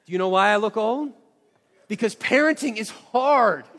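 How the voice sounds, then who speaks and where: Speaking at a moderate pace, this high-pitched man in his forties expressively acts out all the dialogue in his onstage story, poking fun at himself. The sound is somewhat bright and carries a long reverb through a large hall.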